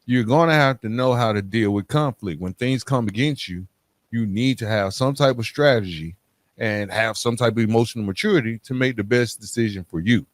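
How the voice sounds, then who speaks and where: Speaking a little fast at a medium pitch, this podcast host keeps the interview conversational, repeating his guest's points back before moving to the next question.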